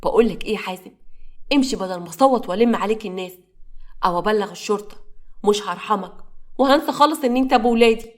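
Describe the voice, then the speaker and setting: A woman's voice: mid-range voice, quick pace, a little mellow, close to an everyday voice. A woman with an Egyptian accent voicing an angry young mother who scolds and defies her ex-husband in a spoken story. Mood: angry, defiant. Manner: scolding, defiant. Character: angry divorced mother Amira, sharp-tongued young woman.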